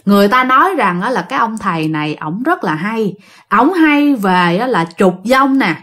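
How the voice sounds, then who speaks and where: A woman with a Southern Vietnamese accent telling a ghost story in a chatty way, addressing her listeners directly. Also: fairly high pitch. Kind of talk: casual ghost-story narration.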